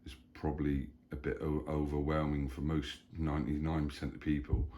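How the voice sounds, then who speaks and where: Dad vlogger with a very low voice, chatty and loose. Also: male voice, a little fast. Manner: chatty, rambling, animated when retelling stories. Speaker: family vlogger, father. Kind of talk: casual chat.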